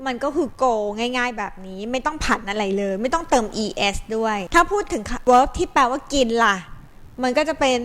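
A Thai woman with a high, animated, fairly bright voice teaches an English grammar lesson at a moderate pace, explaining things patiently step by step. This tutor calls herself an older sister to her students and sings a tune to help them remember.

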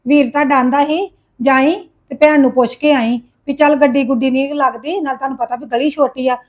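A high, fast-talking aunt played by a woman in a family drama. She coaxes and defends herself, piling words together. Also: fairly even intonation, dull audio, lightly acted. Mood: pleading. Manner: coaxing, defensive. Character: pushy but placating aunt from the village. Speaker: visiting sister-in-law Rano. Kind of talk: home-made family drama acting.

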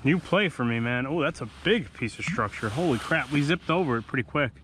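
A man in his thirties keeps up a casual commentary while fishing solo from a kayak on a calm open sea, talking to himself between casts in a laid-back way. His medium-pitched voice is expressive, brisk, and a bit bright. The boat-mounted action camera picks up slight background noise.

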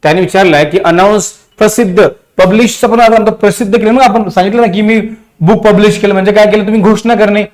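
Man, Marathi accent, teacher, high voice, drills and quizzes the class. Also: fast talker, hardly any pauses. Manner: repetitive, drilling meanings and asking the class. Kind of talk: exam-prep vocabulary lecture.

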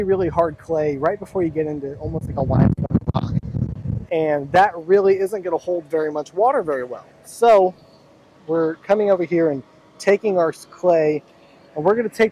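A young man with a slightly high voice talks earnestly through a pond rebuild, pausing and repeating words as he works out his explanation. He records himself outdoors on a phone held at arm's length at a dirt work site, with heavy machinery clearly audible behind him. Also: mellow, a little hiss or hum, rough recording. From Oklahoma. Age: young adult. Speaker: pond builder. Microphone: handheld phone camera at arm's length.

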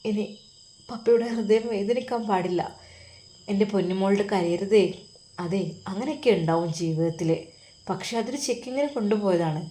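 A woman with a Malappuram Malayalam accent voicing a loving middle-aged father who gently comforts his daughter in a storybook reading. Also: medium pitch, normal speed, lightly acted. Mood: soothing. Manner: gentle, soothing, reassuring.

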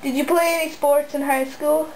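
A woman off camera asking brisk interview questions and calling for retakes. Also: high-pitched, steady tone, darkish tone, slight background noise, poor audio.

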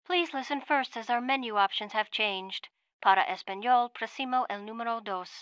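A woman's voice: fairly high pitch, moderate pace, a bit bright, no room sound, muffled recording, close to an everyday voice. A woman playing an impersonal, politely indifferent automated hotline message in a comic audio drama. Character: impersonal female automated heavenly phone menu. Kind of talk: recorded hotline announcement parody.

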